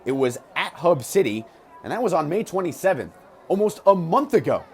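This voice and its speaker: This American baseball radio announcer has a fairly high, darkish voice with a sing-song lilt, talking fairly quickly. Calling the game live, he blends punchy, clipped descriptions with statistic-packed asides over clear ballpark noise.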